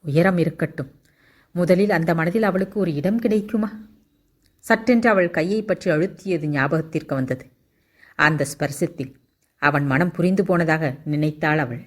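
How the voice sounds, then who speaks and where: A woman reading a romance novel aloud as an audiobook narrator, in an even, measured way. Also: lowish voice.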